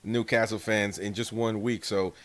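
A young man with a fairly low voice talks football as a livestream host. His delivery is casual and halting, often doubling back on words as he works out a point. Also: level tone. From United States. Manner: halting, repeats words while thinking. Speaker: host and Newcastle fan. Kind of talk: casual football watchalong commentary. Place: small indoor room at home, video call.

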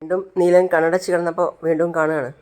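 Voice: medium pitch, quick pace, clear, resonant tone. Casual storyteller retelling a serial. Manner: lively, switches between narration and character lines. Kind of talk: casual storytelling with voiced dialogue.

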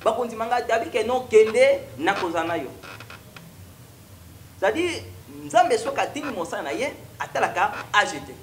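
In a TV studio with a stone wall backdrop, a young man with a Congolese accent, a prophet appearing as a guest, tells his testimony during an interview and switches between French and Lingala. His high voice is animated and moves at normal speed, in an echoey room with a little hiss or hum.

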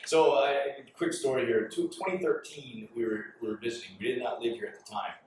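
Man, podcast host, animated storyteller, very echoey, far from the mic. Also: mid-range voice, a little fast, a little hiss or hum. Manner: animated storyteller, gestures a lot. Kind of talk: conversational interview. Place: small bar with signed walls, indoors. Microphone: far camera in the room.

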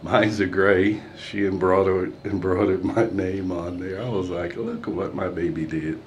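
The sound is lo-fi with slight background noise as a man films a casual house tour on a handheld phone camera while walking, covering a two-story interior and part of a balcony. His voice sits low, fairly even in intonation and a little slow, with chatty, rambling fillers.

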